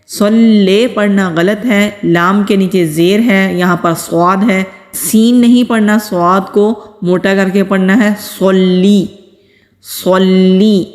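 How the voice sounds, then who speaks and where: A woman giving a recitation lesson, patiently explaining pronunciation rules step by step and reciting words slowly. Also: medium pitch, big-room sound. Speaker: Quran recitation teacher.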